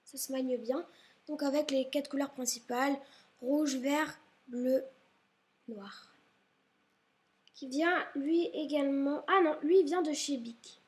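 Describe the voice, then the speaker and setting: Speaking slowly in a high voice with frequent pauses, this young woman vlogs from inside her home. Her casual, rambling chat shows off her school supplies, and she apologizes a lot. She seems slightly unwell, maybe congested.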